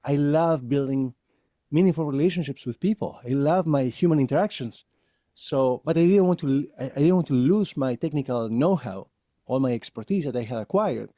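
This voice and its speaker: A man from Argentina in his forties, a podcast guest who tells his career story with animated energy and frequent laughter. His voice has a dark, warm tone. The sound is dry and close. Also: mid-range voice, normal speed, no echo. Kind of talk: casual interview.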